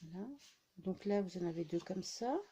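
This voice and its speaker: Woman, middle-aged, mellow warm voice, casual vlog chat, lots of fillers, relaxed show-and-tell. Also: on the low side, moderate pace, slightly rough. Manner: chatty, many fillers and "hein" tags. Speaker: scrapbooking vlogger.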